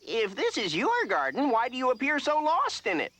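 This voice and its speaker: A woman voicing a breezy, helpful, playful little grasshopper in an animated cartoon. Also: high voice, moderate pace, no echo, full character voice. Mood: curious. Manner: jaunty, playful. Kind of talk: animated cartoon character acting. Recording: music behind, VHS cartoon soundtrack.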